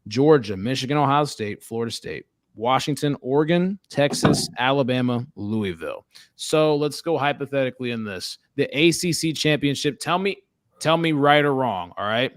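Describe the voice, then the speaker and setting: A man's voice: medium pitch, animated, moderate pace, no room sound, clean studio sound. A man hosting a casual sports talk show, leading the talk and quizzing his co-hosts in a joking way. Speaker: podcast host.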